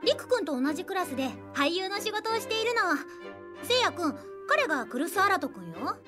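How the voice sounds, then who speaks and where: A woman's voice: very high-pitched, big pitch swings, moderate pace, music in the background. A woman playing a friendly teenage schoolgirl in an anime audio drama, with a sweet, teasing manner.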